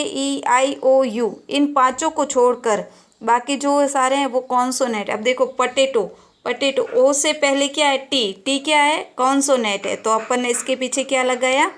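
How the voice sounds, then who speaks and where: A woman with a Rajasthani Hindi accent teaching a classroom grammar lesson, patiently asking questions and answering them herself. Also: high-pitched. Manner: patient, asks and answers her own questions. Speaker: school teacher.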